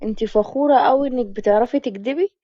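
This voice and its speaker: A woman's voice: a little high, fast, no echo, natural voice. A woman with an Egyptian accent playing a wounded man in his thirties who is in hiding, speaking in a dry, teasing, plainspoken way in a dramatized story reading. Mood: wry. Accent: Egyptian Arabic. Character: wounded 32-year-old man hiding out, wry and proud. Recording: muffled lo-fi recording.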